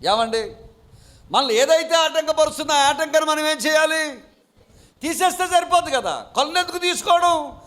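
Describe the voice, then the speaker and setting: A pastor with a strikingly high voice preaches to his congregation. He throws questions out to the room and answers them himself, then slows right down to read scripture with weight. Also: sharp tone. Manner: slow measured scripture reading. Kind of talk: sermon.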